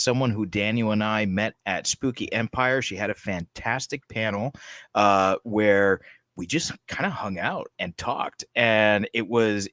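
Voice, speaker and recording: A man in his thirties co-hosting a horror movie podcast, talking casually with lots of fillers and animated storytelling. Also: on the low side, no room sound. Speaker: podcast co-host. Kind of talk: casual chat.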